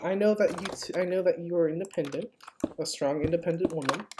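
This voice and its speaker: Speaking fast in a lightly acted, lowish voice, a young woman chats effusively in slang as she plays a multiplayer block-building game. It's casual gaming talk done as a dramatic reading, recorded in a noisy room with keyboard clicks.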